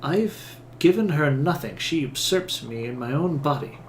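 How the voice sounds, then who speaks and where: A man's voice: a little high, lively intonation, measured pace. A tormented young wizard, as a man voices him, tight and strained, near the reader's own voice. Faint ambience hisses behind. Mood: pained.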